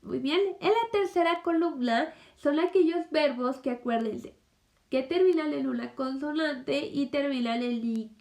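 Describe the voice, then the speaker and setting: A woman's voice: high voice, a little slow, a little mellow. A woman teaching a recorded English lesson to children, explaining patiently and checking in with "ok?" again and again. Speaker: primary school English teacher.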